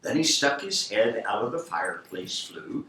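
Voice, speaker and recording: A middle-aged or older man reading a storybook aloud like a grandfather, with theatrical, rhythmic, deliberate delivery. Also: lowish voice, big pitch swings, bright, forceful tone. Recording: roomy distant home recording, faint noise.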